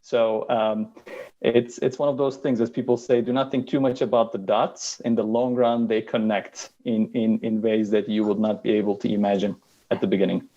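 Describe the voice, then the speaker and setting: A man from Turkey, a guest on an online interview, answering briskly with frequent restarts and fillers. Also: lowish voice, flat delivery, dark tone, muffled recording. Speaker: guest, venture capital partner.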